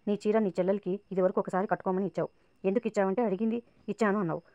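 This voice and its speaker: A woman's voice: medium pitch, fairly even intonation, racing, dark tone, dry recording, lo-fi sound, lightly acted. Sarcastic scheming young woman, read by a woman narrator. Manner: sarcastic and goading.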